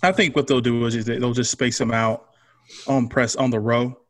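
A man's voice: mid-range voice, steady tone, normal speed. A man with a mid-range voice talking easily through sports predictions. The mic is close and the sound is dry, with no room echo. His phrasing is loose and full of fillers. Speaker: podcast co-host. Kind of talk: casual sports chat.

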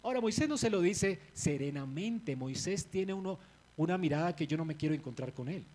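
A male pastor with a high-pitched voice preaches with a lot of energy. He acts out the biblical scenes and alternates between rhetorical questions and emphatic statements. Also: fairly quick, low-quality recording. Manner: animated, dramatizes biblical scenes. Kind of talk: sermon.

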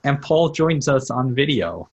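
A man's voice: mid-range voice, big pitch swings, unhurried, dull audio, a little hiss or hum. A male host introducing callers in a brief, formal way.

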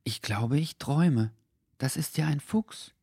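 A gentle little boy, curious and a bit wistful, his raised childish voice earnest and soft in a children's audio story, as a man acts him out. The sound is close and dry. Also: medium pitch, lively intonation, normal speed, no echo, pitched above the performer's own voice, close to an everyday voice. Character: young curious kind-hearted boy.

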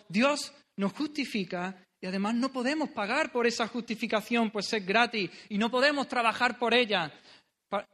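Bright high-voiced man preaching a sermon. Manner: earnest, pleading, repeats phrases for emphasis.

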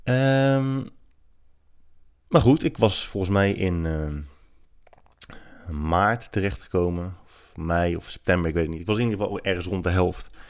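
Deep-voiced man hosting a solo podcast. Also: a little slow, long pauses, smooth. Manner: opinionated, argumentative, many hesitant fillers. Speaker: podcast host. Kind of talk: solo opinion podcast monologue.

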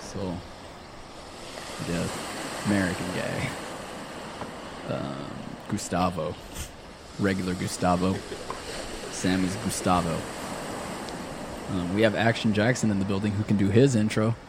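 A man with a lowish voice co-hosts a casual podcast, with a dry, teasing delivery. Background noise is clearly heard behind him. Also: fairly even intonation, unhurried, pauses often. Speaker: podcast co-host. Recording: noisy background.

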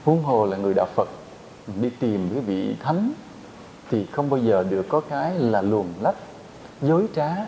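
A monk speaks to his community in an easy, conversational teaching voice, tossing in questions to his listeners. His pitch sits in an ordinary middle range for a man. A faint low rumble hums under the recording. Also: expressive, moderate pace, mellow, poor audio. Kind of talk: dharma talk to monks.

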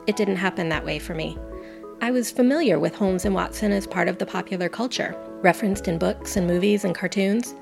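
A woman reads her own essay aloud with earnest, enthusiastic warmth for her subject. Her voice carries a gravelly fry at the ends of phrases. Music plays clearly underneath her the whole time. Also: mid-range voice, fairly quick. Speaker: guest podcaster. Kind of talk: reading a personal essay. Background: background music.

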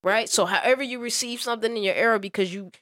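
A woman's voice: fairly high pitch, fast, a bit bright, no echo, clean studio sound. A woman co-hosting a casual podcast chat, reflective and thinking aloud with many fillers. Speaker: podcast co-host.

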